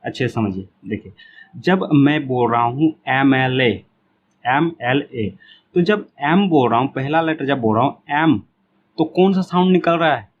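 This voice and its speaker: A man's voice: medium pitch, expressive, unhurried, phone-quality sound, a little hiss or hum. A man teaching an English grammar lesson in Hindi, patiently repeating words and asking and answering his own questions. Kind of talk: classroom lesson explaining grammar.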